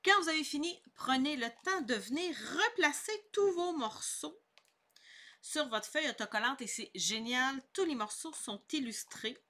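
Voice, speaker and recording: Bright, chatty Québécois craft teacher. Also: female voice, high-pitched, expressive, moderate pace. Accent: Québécois French. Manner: chatty, upbeat, explains each step. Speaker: scrapbooking instructor. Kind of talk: casual craft tutorial.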